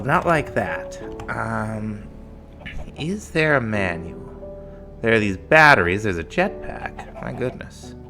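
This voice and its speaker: A man casually narrating his modded game as a let's play host, thinking aloud in a relaxed, mumbling way, with faint music behind. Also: medium pitch, vocal fry. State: morning voice. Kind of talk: casual gameplay commentary.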